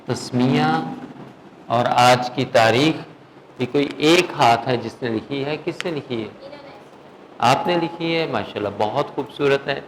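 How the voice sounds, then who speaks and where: A man teaching Quran recitation in a classroom lesson, patiently asking his students whether they follow and slowly drawing out words to demonstrate. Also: medium pitch, a little hiss or hum, low-quality recording. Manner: patient, checks understanding with frequent questions.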